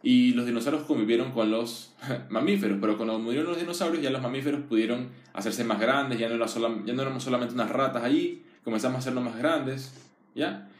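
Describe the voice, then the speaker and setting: A man explaining ideas one-on-one as a teacher, in a casual conversational way, often pausing to check that the listener follows. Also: mid-range voice. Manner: frequent fillers and restarts. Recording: roomy echo.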